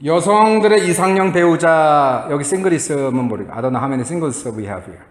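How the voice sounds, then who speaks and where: A middle-aged male pastor delivering a sermon with lively, sweeping pitch and a slightly high voice. He acts out his stories and chuckles as he goes. The sound rings with long reverb in a roomy church hall. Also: moderate pace. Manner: animated storytelling, acting out quotes, chuckling. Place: church sanctuary.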